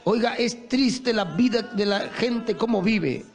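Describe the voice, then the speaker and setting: A man's voice: high-pitched, takes it slowly, soft background music. A man preaching a sermon, telling stories and acting out the quoted voices with passion. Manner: impassioned, storytelling with acted quotes.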